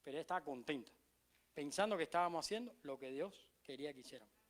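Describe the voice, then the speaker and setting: A middle-aged man from Cuba with a Cuban Spanish accent, preaching a sermon as pastor, emphatic and repeating key phrases, sometimes dropping to soft low asides. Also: animated, fast talker.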